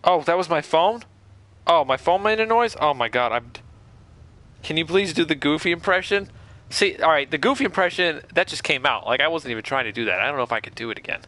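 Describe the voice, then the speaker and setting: A man's voice: on the high side, expressive, brisk. A man giving live commentary while streaming a horror game, chatting with viewers and breaking into startled exclamations. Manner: jumpy, exclaims loudly when startled.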